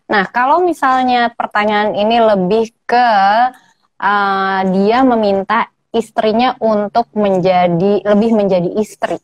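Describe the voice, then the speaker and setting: A woman's voice: medium pitch, unhurried, no echo. A woman guest on a casual live stream chat who keeps agreeing briefly and asks follow-up questions. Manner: frequent short agreeing backchannels. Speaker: guest co-host. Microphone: phone mic on a live video call.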